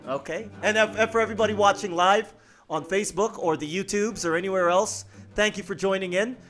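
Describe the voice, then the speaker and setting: Higher-voiced man bantering on a podcast. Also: brisk, fairly bright tone, faint music behind. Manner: joking, teasing, sweary. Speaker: podcast co-host.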